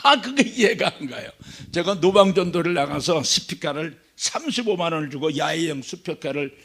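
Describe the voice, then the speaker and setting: High, gravelly man preaching jokingly. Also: moderate pace. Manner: joking, animated storytelling. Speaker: guest preacher at a revival meeting. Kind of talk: sermon. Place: church.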